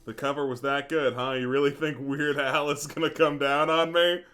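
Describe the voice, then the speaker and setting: A man's voice: on the high side, little pitch movement, normal speed, bright, forceful tone, slight background noise. A man trading improvised comedic banter in a dry, teasing manner.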